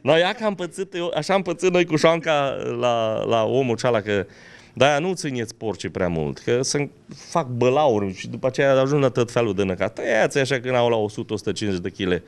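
Animated older storyteller from western Romania. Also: male voice, medium pitch. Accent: Banat-Crișana Romanian. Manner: animated, dramatic storytelling with regional words. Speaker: local storyteller. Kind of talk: folksy anecdote telling.

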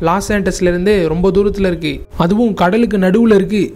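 A man's voice: sits high, steady tone, fast talker, a little mellow, natural voice. A man playing an easygoing game hero and narrating a gameplay video, speaking plainly and giving instructions to his friends and viewers.

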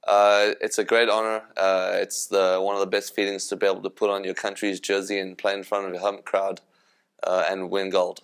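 A South African man in his thirties answers interview questions with frequent pauses. His voice is low and smooth, with a flat contour. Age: 30s. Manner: filler-heavy, hesitant. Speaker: ice hockey player.

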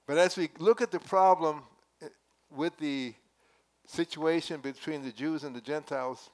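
At a moderate pace and with a voice on the higher side, an older man preaches through a headset mic. He is the pastor, standing at a wooden pulpit in the sanctuary. He speaks earnestly and conversationally, with emphatic rises.

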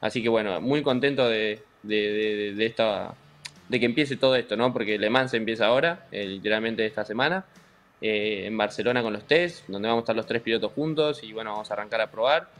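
A man with an Argentine accent, a racing driver being interviewed, talking in a relaxed, joking way with many fillers and restarts. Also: on the low side, fairly quick. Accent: Argentine Spanish. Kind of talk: casual interview chat.

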